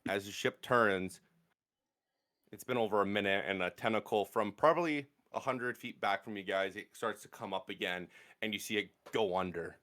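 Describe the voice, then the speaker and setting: A man acting as game master, narrating a tabletop fantasy game with suspenseful, drawn-out phrasing. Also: fairly low pitch, fairly bright tone.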